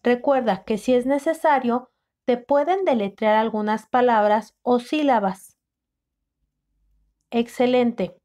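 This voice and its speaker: A woman teaching first grade, dictating sentences syllable by syllable with long pauses for children to write. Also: on the high side, warm tone.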